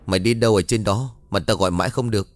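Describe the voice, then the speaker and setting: A stern middle-aged mistress snaps short, scolding questions, read by a male narrator in a low voice. The sound is dry and close, with faint music under it, like a horror audio story. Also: very fast, dry recording, natural voice. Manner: scolding, curt.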